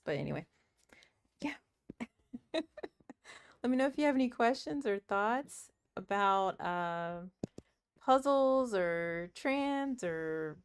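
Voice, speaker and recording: A woman hosting her own livestream, chatting casually and earnestly while she works through puzzles, with a croaky morning voice and frequent laughs. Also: fairly low pitch. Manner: chatty, earnest, laughs often, thinks aloud. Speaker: livestream host.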